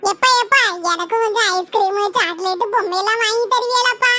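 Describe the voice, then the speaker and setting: A performer voicing bickering small village children in a cartoon, with a Tirunelveli-Kanyakumari Tamil accent and a shrill, teasing manner. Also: fairly quick. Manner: shrill, squabbling, teasing banter. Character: bickering small village kids, boy and girls. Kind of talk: cartoon voice acting. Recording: noisy cartoon audio.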